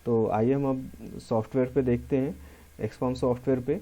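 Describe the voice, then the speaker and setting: Male pharmacy lecturer, Hindi accent, very dark mellow tone, patient explanatory delivery. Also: medium pitch, steady tone, moderate pace. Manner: explanatory, repeats key terms, mixes English terms into Hindi. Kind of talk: classroom lecture walkthrough.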